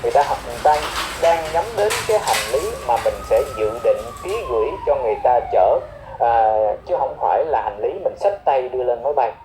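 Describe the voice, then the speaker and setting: A man teaching English airport phrases, explaining each one and repeating key words slowly. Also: medium pitch, lively intonation, warm tone, roomy sound, a little hiss or hum, rough recording.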